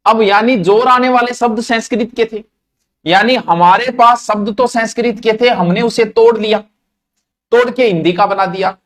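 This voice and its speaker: High-pitched guy teaching hindi grammar to a class, marwari accent, throws in local words. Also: normal speed, fairly bright tone. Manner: mixes Marwari words into Hindi, asks questions and answers them.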